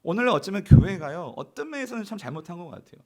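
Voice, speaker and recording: A man's voice: sits high, big pitch swings, fast, a little mellow. A male pastor preaching a sermon, putting questions to the congregation as his voice rises and falls. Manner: calls out to the congregation with questions, voice swelling and dropping.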